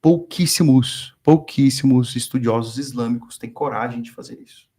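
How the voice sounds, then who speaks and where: A man from Brazil speaks in a relaxed, conversational teaching style. He tells anecdotes and acts out the voices of the people in them. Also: mid-range voice, normal speed. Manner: storytelling, acts out quoted dialogue. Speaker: guest speaker on theology.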